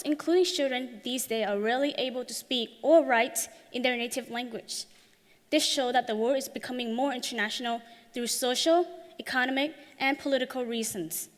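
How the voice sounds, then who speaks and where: A teenage girl from Thailand giving an earnest, prepared talk on stage, her phrasing a little halting. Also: high voice, in a large hall. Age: teens. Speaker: youth speaker. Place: large hall.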